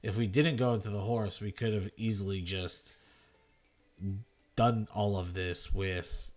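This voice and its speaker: Lowish-voiced man doing casual gameplay commentary. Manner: loose, self-mocking, swears freely. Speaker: gaming content creator.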